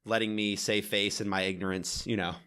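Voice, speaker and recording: A man's voice: fairly low pitch, level tone, fairly quick, sharp tone, clear, resonant tone. A man co-hosting a podcast in casual chat, earnest and rambling, often correcting himself mid-sentence. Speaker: podcast co-host.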